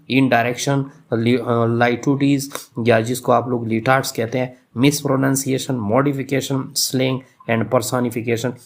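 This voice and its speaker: A male professor, explaining a lesson slowly in speech mixed with English terms, with frequent fillers. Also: mid-range voice. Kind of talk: lecture on English literature.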